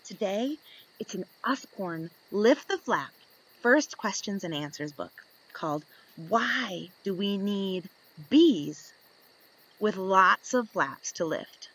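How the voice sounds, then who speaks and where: Taking her time over every page, a woman reads a children's picture book aloud in a mid-range voice, slow and full of lively, swooping expression. She plays with the story and keeps asking her young listeners questions; the recording is low quality.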